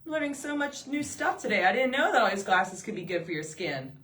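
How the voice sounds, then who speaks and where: A woman's voice: on the high side, sing-song, fairly quick, a bit bright. A middle-aged woman co-hosting a live product show, bubbly and enthusiastic, often talking straight to viewers. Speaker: co-host of a live eyewear show.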